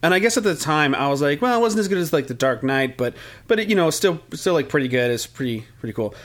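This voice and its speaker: A man chatting on a podcast with a slightly high voice. He rambles, jokes and slips into mocking impressions of film characters. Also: expressive, fast talker. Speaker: podcast co-host. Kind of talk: casual chat.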